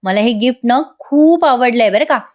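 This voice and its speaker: A bubbly, outspoken young wife speaks up eagerly, as a woman reads her lines. Her voice is a little high and bright in manner. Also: moderate pace, close to an everyday voice.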